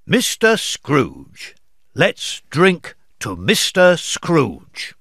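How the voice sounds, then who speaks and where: A man reading aloud voices a gentle, timid poor clerk and father, speaking softly and pleadingly. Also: a little high, huge pitch swings, drawn-out words, vocal fry, dry recording, studio quality, pitched above the performer's own voice, full character voice.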